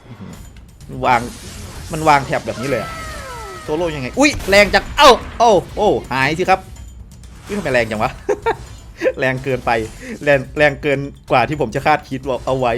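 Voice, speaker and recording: A man with a slight cold giving excitable gameplay commentary to viewers, often exclaiming and repeating words. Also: mid-range voice, moderate pace, faint music behind. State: has a cold, voice sounds odd. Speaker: game streamer.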